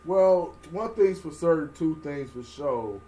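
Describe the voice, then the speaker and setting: A man's voice: fairly high pitch, expressive, unhurried, mellow, slight background noise, poor audio. Laid-back man hosting a casual chat. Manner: laid-back, agreeable, lots of affirming interjections. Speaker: host.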